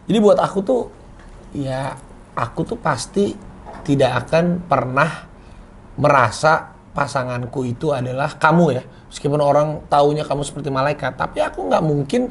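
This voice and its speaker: A man's voice: fairly high pitch, expressive, moderate pace, a little hiss or hum. A man in his thirties in a casual chat, playful and laughing, explaining his points through made-up everyday examples. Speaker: co-host.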